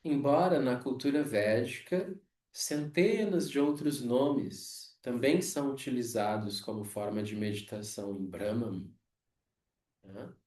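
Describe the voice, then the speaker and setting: A Brazilian man teaching a yoga philosophy class, explaining slowly and checking in with frequent tag questions. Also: mid-range voice, dark tone. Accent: Brazilian Portuguese. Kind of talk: lecture on scripture. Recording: echoey room, mic far off.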